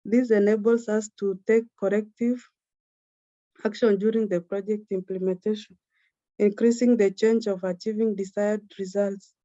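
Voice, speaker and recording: A woman presenting a prepared plan in a steady, formal, list-like reading. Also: mid-range voice, moderate pace, no room sound, muffled recording.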